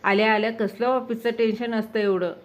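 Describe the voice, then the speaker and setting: A woman's voice: on the high side, steady tone, brisk, highs cut off, natural voice. A woman voicing a worried older mother-in-law, asking questions in a concerned manner.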